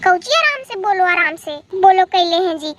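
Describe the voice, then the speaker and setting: Woman doing bossy old granny, nags, high and shrill, hissy audio. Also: lively intonation, moderate pace, fairly bright tone. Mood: scolding. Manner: nagging, rustic dialect. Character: scolding old village grandmother, bossy and practical.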